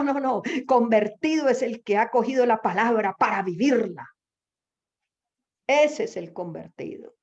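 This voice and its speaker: A woman's voice: mid-range voice, a little mellow. A woman preaching a sermon, exhorting her listeners with rhetorical questions and repeated phrases. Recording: dull lo-fi recording.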